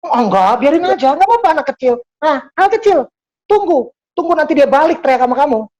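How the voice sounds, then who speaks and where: Lively woman preaching. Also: sits high, fast. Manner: animated, switching between Indonesian and English. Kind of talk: sermon.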